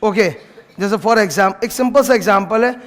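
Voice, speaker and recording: A man's voice: high voice, moderate pace, a bit bright. A man teaching law to a class in a casual lecture, stopping at times to scold the noisy students. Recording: long hall reverb.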